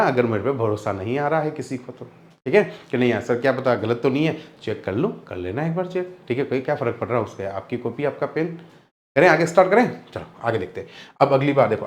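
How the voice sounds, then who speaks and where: A man's voice: on the high side, darkish tone, echoey room. A young man teaching a reasoning class, patiently repeating steps and quizzing his students.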